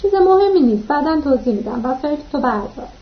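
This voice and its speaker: A woman reading the lines of a calm, practical man travelling with the narrator, in a matter-of-fact manner, in a dull lo-fi recording. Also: sits high.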